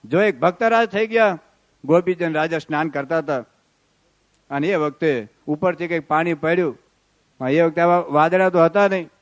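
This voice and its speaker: A man delivers a devotional sermon, moving between parables and sung verses. His voice sits high and sounds smooth and resonant, and he preaches with a storyteller's pull. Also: normal speed. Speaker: swami giving a religious discourse.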